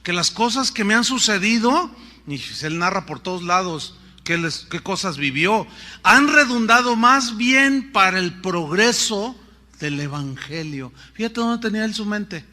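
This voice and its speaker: A man's voice: high-pitched, animated, measured pace, pushed and bright. A middle-aged man, preaching a sermon with rhetorical questions and playful asides. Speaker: pastor.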